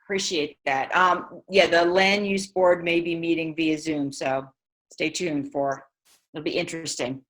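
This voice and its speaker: A woman's voice: low-pitched, steady tone, measured pace, fairly bright tone. A woman mayor chairing a council meeting over a video call, briefly thanking and calling on speakers.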